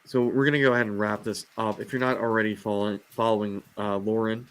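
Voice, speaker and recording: This reptile live show host talks quickly in a flat, fairly low, slightly bright voice. His casual chat wanders and slips into rants, packed with fillers and false starts, while he steadily loses his voice.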